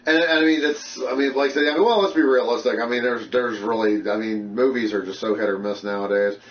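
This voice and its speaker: A quick-talking man co-hosts a casual podcast, rambling and circling back over his own phrases. His voice is dull and distant, as over a call. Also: medium pitch. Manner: rambling, repetitive false starts, filler-heavy. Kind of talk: casual chat. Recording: muffled, distant call audio.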